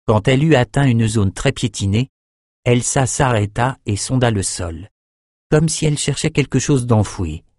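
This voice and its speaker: A man narrating a fantasy audiobook in a steady, measured storytelling voice. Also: medium pitch, no room sound, clean studio sound.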